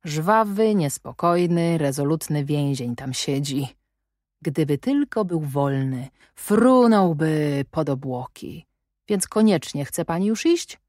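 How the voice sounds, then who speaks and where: A woman reading a brooding, ironic gentleman. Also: low voice, lively intonation, slow, no room sound, clean studio sound. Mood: probing. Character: brooding middle-aged English gentleman, ironic and commanding. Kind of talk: audiobook reading.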